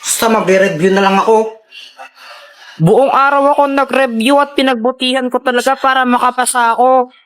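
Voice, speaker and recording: A woman's voice: on the high side, normal speed. A woman acting in a comedy skit, speaking in an eager and chatty way. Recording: echoey room.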